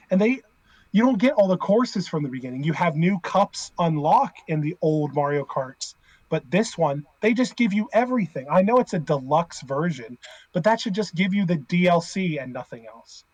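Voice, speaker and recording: A young man on a podcast, ranting and emphatic in quick bursts, his voice sitting a little high. He is recorded close and dry, with no room sound around him. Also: animated, darkish tone, no room sound, poor audio. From Pittsburgh area. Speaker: podcast co-host. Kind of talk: casual chat.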